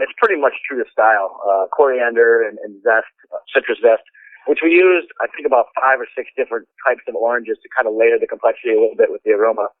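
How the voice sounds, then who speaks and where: A man, a brewer guest, talking in a relaxed, easygoing way with many fillers, heard over speakerphone. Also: mid-range voice, no echo. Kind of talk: casual interview chat. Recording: dull speakerphone line.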